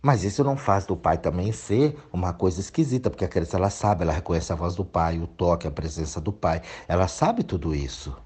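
A man's voice: low-pitched, fairly quick, hardly any pauses, a little mellow, husky. A man giving a blunt, crude, emphatic monologue. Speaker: speaker. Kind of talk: opinionated monologue.

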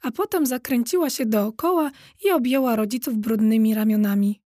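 A woman voicing an excitable, timid ghost lady of a castle, talking high and fluttery. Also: fairly quick, no echo, studio quality, natural voice. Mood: wistful. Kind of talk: children's audiobook character voice.

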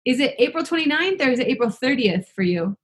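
Bright friendly woman interviewer. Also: sits high, very animated, quick pace, slightly rough. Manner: friendly, encouraging, many fillers. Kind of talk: casual interview.

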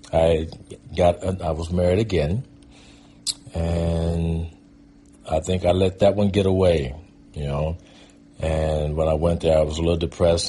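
A middle-aged American guest storyteller and performing artist from Michigan shares his personal history in a relaxed, reflective, conversational manner. His voice is extremely low pitched and mellow, and there's slight background noise.

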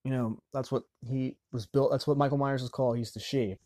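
A man giving casual film commentary, rambling and halting, often restarting mid-sentence. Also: medium pitch, fairly even intonation, warm tone, no echo, studio quality.

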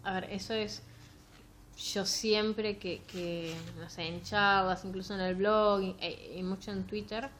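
A young Rioplatense woman with a mid-pitched voice, chatting in a relaxed way with slang and teasing asides. Faint noise sits in the background. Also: a little slow. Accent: Rioplatense Spanish. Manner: relaxed, joking, uses slang. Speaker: book discussion co-host. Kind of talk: casual chat.

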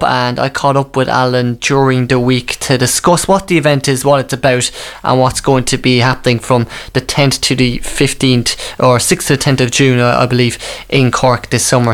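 A man presenting a sports show in a halting, informal conversational way. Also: mid-range voice. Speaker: radio sports show host.

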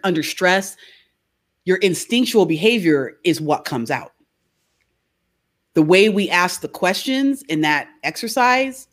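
A woman speaking as a guest in an interview, a behavior coach who explains her ideas through lively stories and keeps asking "right?". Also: fairly low pitch. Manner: animated storyteller, frequent "right?". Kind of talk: conversational interview.

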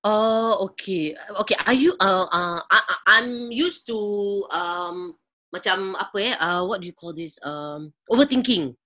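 A woman's voice: mid-range voice, animated, sharp tone. Middle-aged Singaporean woman speaking casual Singlish. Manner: Singlish with Malay code-switching and particles like lah and kan; halting, searching for words. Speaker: podcast guest. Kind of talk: casual interview chat.

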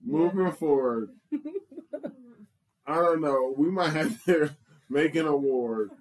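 A man's voice: on the high side, slow. A man co-hosting a podcast, recapping an anime episode in casual chat and laughing as he retells scenes. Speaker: podcast co-host.

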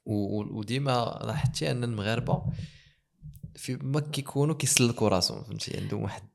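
A man's voice: medium pitch, fast talker, gravelly. A man hosting a casual interview, asking questions and giving short agreeing replies. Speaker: host.

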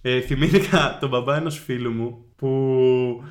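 A man's voice: mid-range voice, steady tone, roomy sound. A man co-hosting a casual podcast, cutting in with teasing wisecracks. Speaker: podcast co-host.

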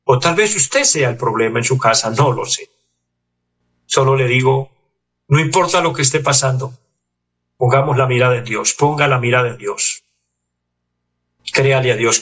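A man delivers an exhorting radio sermon, pausing between short phrases. His voice sits at an ordinary middle pitch. He sounds set back from the microphone. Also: fairly bright tone. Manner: earnest, exhorting, measured phrases with pauses. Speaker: preacher. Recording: distant from the mic.

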